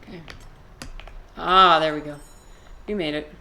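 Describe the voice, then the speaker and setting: A woman's voice: sits low, fairly even intonation, unhurried, pushed and bright. A woman in her twenties chatting casually with her viewers while she plays a game, rambling, swearing freely and answering chat comments. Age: 20s. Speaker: live streamer playing a video game.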